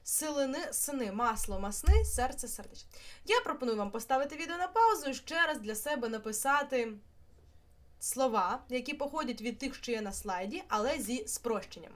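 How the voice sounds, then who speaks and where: A young woman teacher leads an online lesson with a fairly high voice. She talks in a lively way and spells out each example word clearly for her students. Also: a little fast. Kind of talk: online exam-prep lesson.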